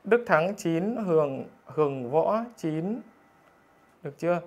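A man's voice: fairly high pitch, lively intonation, takes it slowly, darkish tone. A male math teacher, reading out students' scores in a live online lesson in a teasing, jokey way. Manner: teasing, jokey, keeps asking "được chưa?".

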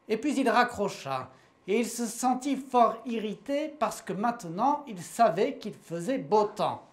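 Woman reading a short story aloud. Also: medium pitch. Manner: measured storytelling with repetitions. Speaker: reader.

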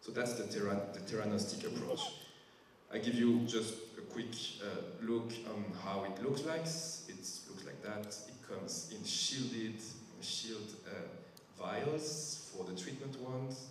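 A French physician with a low voice gives a medical talk to a patient group in a large church hall with a stage, using a handheld microphone. His explanations are slow and careful, with frequent hesitations. The recording is echoey, captured from far off, with a little hiss or hum.

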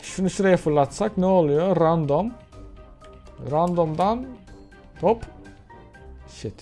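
A young man giving casual let's-play commentary while gaming, excitable and prone to sudden yelps. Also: high voice, takes it slowly, faint music behind. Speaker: gaming YouTuber.

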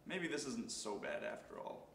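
A man's voice: mid-range voice, lively intonation, normal speed, natural voice. A man playing a dryly observant board game player in a scripted comedy skit. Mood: dry musing. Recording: roomy, noisy, distant-sounding pickup.

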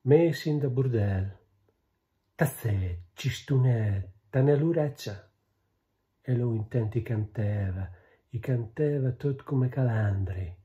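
A man's voice: mid-range voice, slow pace, mellow. A man in his fifties with a Romagnol accent, reading poetry aloud in Italian dialect. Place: small plain room, indoors.

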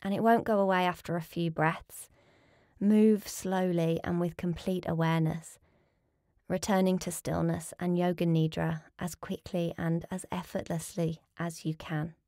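Guiding a restful meditation, this yoga nidra teacher speaks in a fairly low voice, calmly and soothingly. She lets gentle pauses fall between her phrases, and the close, dry recording carries no room sound.

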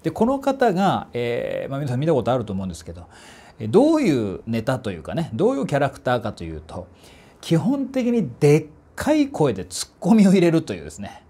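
A man's voice: mid-range voice, huge pitch swings, fast talker, warm tone, breathy edge. A man from the Kanto region, a voice trainer giving a chatty, emphatic solo talk with polite asides. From Kanto, Japan.

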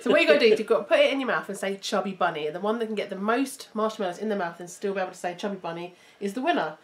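A woman's voice: mid-range voice, expressive, rapid-fire. A young woman hosting a vlog, chatting casually to camera in a giggly way. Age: young adult. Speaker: vlog host. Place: room at home. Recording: faint noise, home recording.

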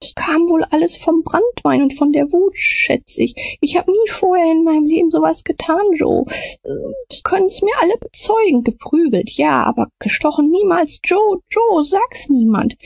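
A woman's voice: high-pitched, sing-song, normal speed, creaky, warm tone, dry recording, pitched above the performer's own voice, exaggerated voice. A woman voicing a frightened drunken male vagabond who begs in a shaking voice. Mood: pleading. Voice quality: trembling.

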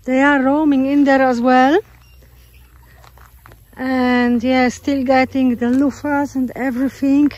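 An Australian homesteader films a farm tour on her phone while walking through a rural garden with poultry, and the audio is poor. Her voice is high-pitched and dark-toned with little pitch movement, slow and full of pauses, casual, with fillers and a turn of phrase.

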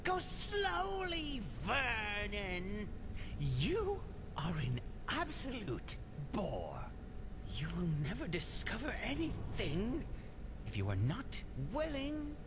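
Psycho mage villain in a game, slow drawl, high and swoopy, whispers then yells, rumble behind. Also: male voice, wildly swooping pitch, heavily acted. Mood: taunting. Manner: sing-song, swings between whispers and shouts. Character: unhinged male mage villain, mocking and theatrical. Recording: game audio with rumbling noise.

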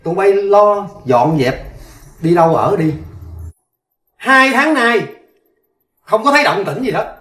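A man's voice: sits high, expressive, a little slow, pauses often, a bit bright. Domineering old father-in-law. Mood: scolding. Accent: Southern Vietnamese. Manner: scolding, commanding. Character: angry domineering rural father-in-law, older man. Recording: roomy, distant mic.

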